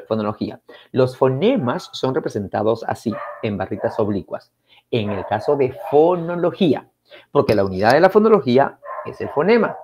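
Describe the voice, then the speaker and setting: A man's voice: mid-range voice, a little mellow. A male teacher from Peru explaining exam questions in a recorded lesson, with frequent tag questions and repetition. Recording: dull lo-fi sound, faint noise.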